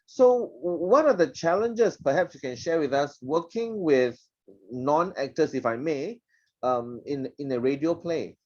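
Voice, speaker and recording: A man moderating a panel discussion, introducing speakers and inviting them to share in a lively, encouraging way. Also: on the high side, unhurried, muffled recording.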